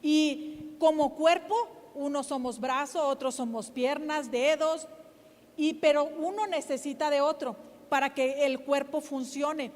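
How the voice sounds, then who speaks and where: A middle-aged woman pastor, preaching a sermon in a loud, emphatic, lively way. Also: high-pitched, unhurried, long reverb tail. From Mexico.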